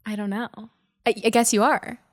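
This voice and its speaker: A woman's voice: a little high, flat delivery, normal speed. A woman hosting a casual interview, asking curious prompting questions. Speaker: podcast host.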